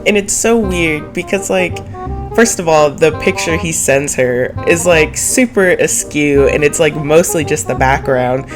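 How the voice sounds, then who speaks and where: Nasal, congested low-voiced woman, chatty. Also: unhurried. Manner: chatty, informal, opinionated. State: sick with a cold. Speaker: host of a reality TV recap show. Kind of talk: casual recap commentary. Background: background music.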